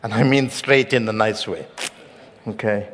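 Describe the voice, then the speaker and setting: A middle-aged man preaching a sermon as pastor, with emphatic loud peaks and hushed drops. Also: on the low side, fairly even intonation, unhurried. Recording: long reverb of a large hall.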